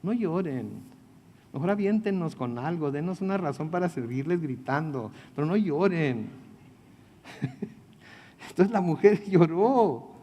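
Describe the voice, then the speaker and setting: A male pastor leads a midweek Bible study in a casual, conversational way, often turning to his listeners with questions and slipping in humorous asides. His voice sits a bit higher than most men's, and long reverb trails after his words. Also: animated, measured pace, long pauses, dark tone, slight background noise. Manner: conversational, asks the audience questions, joking asides. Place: church meeting room.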